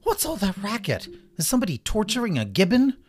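A man's voice: medium pitch, big pitch swings, measured pace, darkish tone, faint music behind. A man voicing a wry, hesitant young female cat in a storybook podcast, with a slightly raised voice. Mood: outraged. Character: young female cat, sassy and easily startled.

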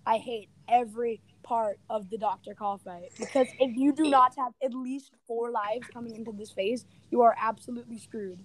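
A woman's voice: on the high side, normal speed, few pauses, poor audio. A woman co-hosting a podcast in casual chat. She is emphatic and opinionated, cuts in over her co-host and lays out game strategy step by step. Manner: emphatic, opinionated, jumps in over the other speaker.

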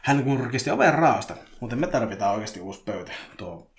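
A man co-hosting a podcast, reading a listener's spooky story aloud with a lively, swooping delivery. His pitch is mid-range for a man. He talks at a desk mic in a home studio. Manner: lively, playful, mock-dramatic quoted voices. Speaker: podcast co-host. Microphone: desk microphone.

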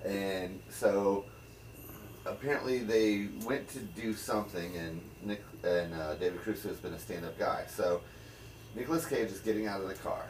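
A man's voice: low voice, normal speed, slight background noise. A man on a casual podcast telling a movie story in a rambling way, full of "like". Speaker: podcast co-host. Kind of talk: casual chat. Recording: echoey room, distant mic.

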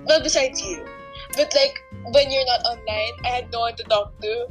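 A young woman with a Filipino accent in a casual chat, excitable and quick, laughing often. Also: fairly high pitch, faint music behind, poor audio.

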